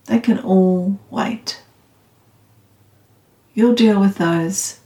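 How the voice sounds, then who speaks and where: A woman guiding a meditation in a calm, meditative, soothing tone, unhurried and leaving long pauses. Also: mid-range voice. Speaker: meditation guide. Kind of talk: guided loving-kindness meditation. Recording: roomy, slightly echoing sound.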